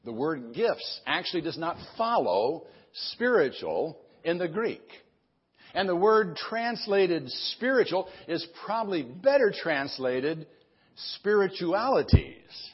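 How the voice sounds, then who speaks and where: A man preaching an expository sermon as a pastor in a careful, unhurried way, phrasing deliberately with pauses, on a dull lo-fi recording. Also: fairly high pitch, husky. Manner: careful, unhurried, step-by-step delivery.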